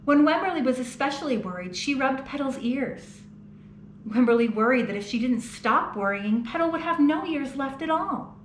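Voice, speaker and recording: A woman reads a children's picture book aloud, expressively, pausing to ask the young listeners questions. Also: sits high, lively intonation. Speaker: children's storytime reader. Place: children's museum. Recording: roomy echo, faint background noise.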